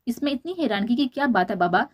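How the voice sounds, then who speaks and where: A woman's voice: fairly high pitch, animated, fast, highs cut off. A woman voicing a stern, guarded young man who speaks curtly, in a storybook reading. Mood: cold.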